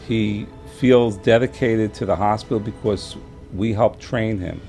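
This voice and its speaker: A man speaking in a steady, admiring way about a colleague in an interview. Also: lowish voice, a little slow. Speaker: hospital colleague. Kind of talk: tribute interview. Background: soft background music.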